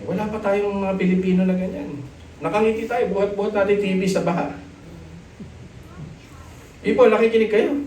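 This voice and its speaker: Filipino pastor preaching in an echoey church hall. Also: male voice, mid-range voice, far from the mic, slight background noise. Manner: animated, switches between Tagalog and English, joking. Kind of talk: sermon.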